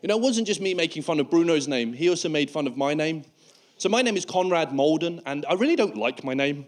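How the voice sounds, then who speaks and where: A British man delivers stand-up comedy in a voice that sits a little higher than average. He tells stories in an animated manner, slipping into acted-out remarks as he addresses a live audience. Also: quick pace. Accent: British English. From United Kingdom. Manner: animated storytelling, acting out quoted remarks. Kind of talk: stand-up comedy routine on stage.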